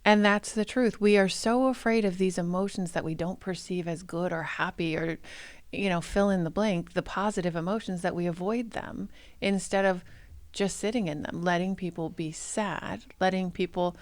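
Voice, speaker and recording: A woman's voice: fairly low pitch, steady tone, normal speed, no echo. A woman speaking as a therapist guest in a casual podcast interview, telling stories and laughing often. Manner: warm storytelling, laughs often.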